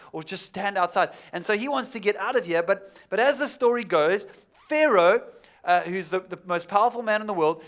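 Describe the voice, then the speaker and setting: A pastor with a high-pitched voice, preaching a sermon to his church. He is from South Africa and tells the story in a relaxed, conversational way, sinking to a near hush at the serious moments.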